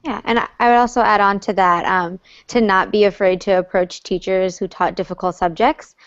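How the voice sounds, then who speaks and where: A woman's voice: mid-range voice, steady tone, fairly quick, no room sound. A young woman from North Carolina, a student moderating an online Q&A session, reading out questions and passing them to others in a friendly, organized way. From North Carolina, USA. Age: young adult. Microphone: video call. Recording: slightly muffled video call audio.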